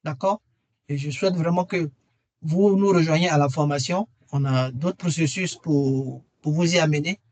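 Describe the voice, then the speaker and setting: A man's voice: on the high side, normal speed, darkish tone, no room sound. A man presenting a webinar and earnestly persuading listeners to join his training course, repeating key phrases for emphasis. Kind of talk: webinar sales pitch.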